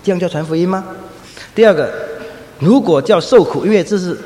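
A man preaching a sermon, telling lively anecdotes and acting out the voices of people in his stories. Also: high-pitched, fairly quick. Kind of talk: sermon with storytelling. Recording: echoey hall, faint ambient noise.

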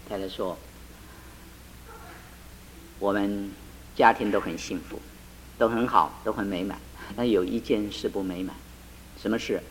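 A man delivers a sermon that includes a story, retelling a couple's conversation with shifting tones and building to emphatic climaxes. His voice is on the low side, and the rough recording carries a little hiss or hum.

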